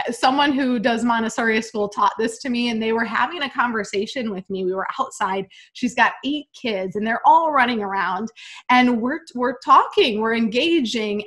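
A woman hosts a casual interview, her voice a touch higher than most. She tells stories with lively energy and acts out the quoted lines. The talk is loose and chatty, full of likes and ums. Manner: animated storyteller, acts out quotes. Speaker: podcast host.

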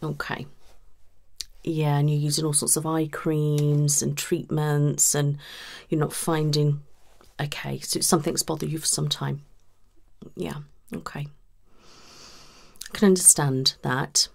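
In a small indoor space made up to look like a clinic, a British ASMR performer in her thirties takes on the role of a cosmetic surgery consultant. Her deep, creaky voice stays soft and close to the mic, sometimes whispering, as she reassuringly and unhurriedly asks conversational questions.

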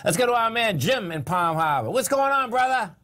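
A man's voice: very high voice, very animated, brisk, sharp tone. An older man hosting a trading show in a studio, talking casually with folksy, enthusiastic repetition. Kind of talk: casual market talk. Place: TV studio at a desk.

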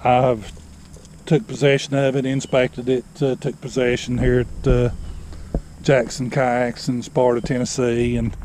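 A fishing kayak vlogger talks casually on an action camera, first while driving his car and later outdoors in his yard. His mid-range voice has little pitch movement, and he's slow and plainspoken with lots of "uh"s. Loud road and outdoor noise, plus car and yard ambience, fill the background.

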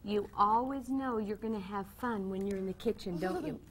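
A woman's voice: medium pitch, normal speed, a little hiss or hum. A middle-aged woman hosting a children's TV cooking segment, cheerfully coaxing the kids with questions. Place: bright TV studio kitchen set.

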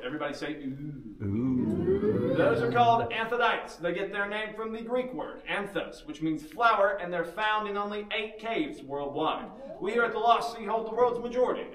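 High-voiced male tour guide in echoing cave. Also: fairly bright tone, distant mic. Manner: addresses group casually as "you guys". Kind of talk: scripted tour talk to a walking group. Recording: echoey cave, voice away from mic.

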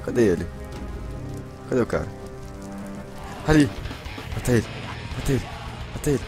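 A young man from Brazil commentating a video game, excitable, switching between loud bursts and hushed whispers. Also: medium pitch, moderate pace. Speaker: gameplay commentator. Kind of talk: Minecraft let's play commentary. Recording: faint game music behind.

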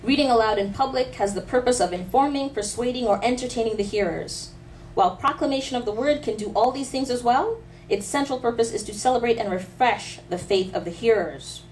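A Canadian spoken word artist in her thirties gives a faith testimony with poetry, seated before a live audience in a small, dim pub room. Her slightly high, brisk, somewhat mellow voice is earnest and rhythmic, built on rhetorical questions and light asides. She holds a handheld mic close, yet the rough recording catches her from across the room on a camera mic, distant and with a faint hiss.

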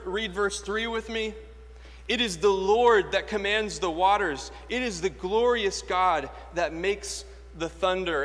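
An Anglican priest from Florida in the United States preaches emphatically from a lectern inside a large church, his high-pitched voice a bit bright. He uses rhetorical questions and repeats key phrases, and the echoey space gives a long reverb.

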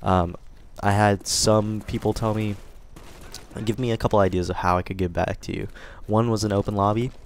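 A man's voice: lowish voice, steady tone, moderate pace, slight background noise. A young man giving casual, rambling commentary over a video game, thanking his viewers with many fillers and restarts. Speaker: gaming commentator. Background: game gunfire.

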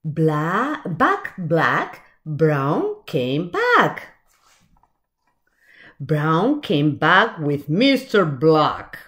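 With a low-sitting voice and a little hiss or hum on the recording, a woman reads a picture book very slowly and animatedly to young children. She's expressive, asking questions and adding asides, in a small indoor room with shelves.

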